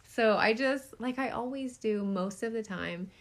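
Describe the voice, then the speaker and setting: A woman co-hosting a podcast in casual chat, keeping a calm, even tone and laughing easily. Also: a little high, a little slow. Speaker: podcast co-host.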